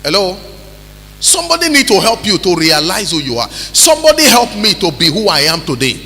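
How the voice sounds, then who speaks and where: A Nigerian man preaching a sermon as pastor, calling out to the congregation and building to shouts. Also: high-pitched, wildly swooping pitch, fairly quick, a little hiss or hum. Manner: preaching with call-and-response, rising to shouts. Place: church hall. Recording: reverberant church hall with music.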